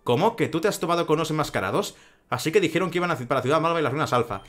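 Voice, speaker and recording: A man's voice: fairly high pitch, lively intonation, very fast, a bit bright. A man with a Spain Spanish accent doing gameplay commentary in a sarcastic, swearing, ranting manner. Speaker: let's play commentator.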